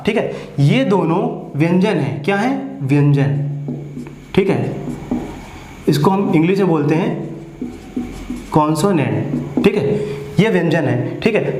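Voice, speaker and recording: A man's voice: fairly high pitch, darkish tone. A man teaching English grammar, often asking questions and repeating "theek hai" after each point. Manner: repeats "ठीक है" and asks students questions. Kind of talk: classroom grammar lesson. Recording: echoey room.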